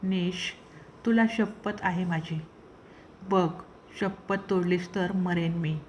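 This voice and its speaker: A woman's voice: on the low side, steady tone, takes it slowly, a little mellow, slight background noise. A woman reading the part of a frightened young wife who pleads anxiously with her husband in a storybook. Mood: pleading.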